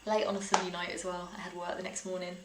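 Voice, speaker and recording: A young British woman talks fast in a lowish voice with little pitch movement, telling personal anecdotes to camera like a vlogger. Her manner is informal and chatty, dotted with small laughs. Faint background noise and a roomy echo fill the recording.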